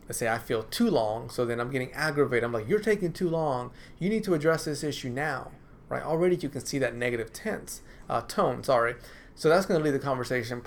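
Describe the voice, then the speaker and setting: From his office, a counselor with a gravelly mid-range voice speaks conversationally to camera. He often says "right?" and goes over the same phrases again, pausing to clear his dry throat, with slight noise in the background.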